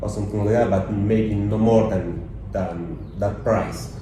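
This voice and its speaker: A man explains as an interview guest in halting, broken English, searching for words. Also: fairly low pitch, fairly even intonation. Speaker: architect being interviewed as guest. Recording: roomy echo, distant mic, faint noise.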